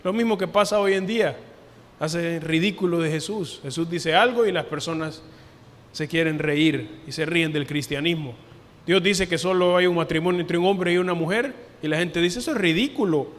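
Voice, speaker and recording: A man preaching a sermon as pastor, earnest, lifting his voice for emphasis and dropping it softly for quoted words. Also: fairly high pitch, moderate pace. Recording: long hall reverb.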